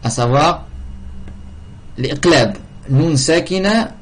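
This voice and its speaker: A man's voice: on the high side, expressive, slow. A man teaching a language and religion class, patiently repeating words to drill their pronunciation. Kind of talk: slow classroom lesson with repetition.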